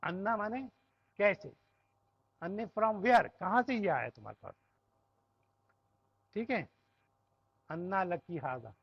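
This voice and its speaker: A man's voice: high voice, lively intonation, gravelly, pauses often, breathy edge, no echo, highs cut off. A man with a Pakistani Urdu accent teaching Arabic grammar, explaining step by step and checking with the class. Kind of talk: classroom lesson.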